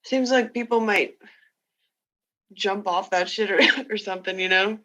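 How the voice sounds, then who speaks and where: A woman co-hosts a casual podcast, laughing often and swearing freely. Her voice is bright, at a middle pitch. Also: measured pace. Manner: giggly, profane chatter. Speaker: podcast co-host. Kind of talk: casual chat.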